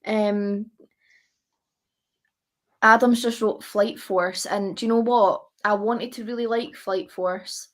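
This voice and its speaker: A woman's voice: medium pitch, steady tone, slow, pauses often. A woman chatting casually as a guest, gushing and repeating herself for emphasis. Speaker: interview guest. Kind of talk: casual chat.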